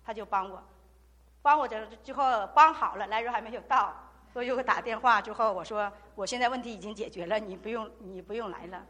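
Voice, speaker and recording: A woman's voice: a little high, a little fast, pushed and bright. A woman giving an earnest personal testimony at a church gathering, retelling a story with quoted dialogue. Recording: long hall reverb.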